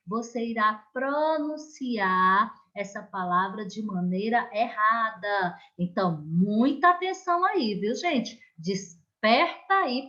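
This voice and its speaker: A Brazilian woman teaching an online lesson to children, stretching out the stressed words and gently coaxing the class to pay attention. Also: a little high, highs cut off. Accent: Brazilian Portuguese. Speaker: primary school teacher.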